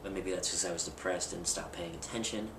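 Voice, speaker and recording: This personal vlog features a young man with a low-pitched, creaky voice and fairly even intonation, talking briskly and candidly. He rambles somewhat with fillers and false starts, and the far-off camera mic gives a roomy, distant sound with heavy background noise.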